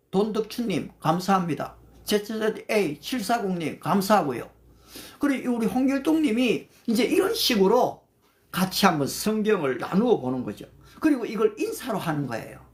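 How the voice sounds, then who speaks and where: An older man with a high-pitched voice leads a livestreamed prayer meeting, his delivery lively and rising and falling. In this devotional talk he slows way down to recite Bible verses in English and thanks viewers by name along the way.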